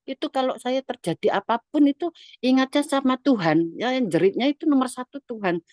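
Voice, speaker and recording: A woman's voice: high-pitched, lively intonation, a little fast, darkish tone, no room sound, studio quality. A middle-aged woman giving an emotional personal testimony, repeating herself and restarting often.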